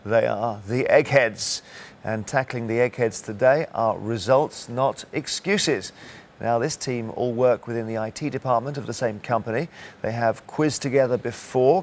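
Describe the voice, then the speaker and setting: A man hosts a television quiz, his voice sitting at an ordinary middle pitch. He delivers the script with measured, emphatic pacing, leaning on key phrases and reading out multiple-choice answers. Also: darkish tone, slight background noise. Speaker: quiz show host. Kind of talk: scripted game show presenting.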